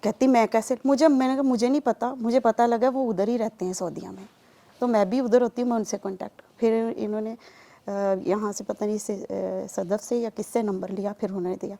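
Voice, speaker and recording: Woman from Pakistan, earnest testimony, slightly higher voice, rising to emphatic pleas. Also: fairly even intonation, gravelly, warm tone. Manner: earnest, grows emphatic and pleading while recounting. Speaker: testimony giver. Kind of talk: personal testimony interview.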